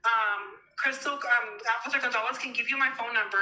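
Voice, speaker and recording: A woman's voice: fairly high pitch, quick pace, bright, forceful tone. A woman heard over a phone on speakerphone, an outreach worker patiently giving plain step-by-step directions. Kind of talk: casual phone call. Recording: speakerphone audio, distant and roomy.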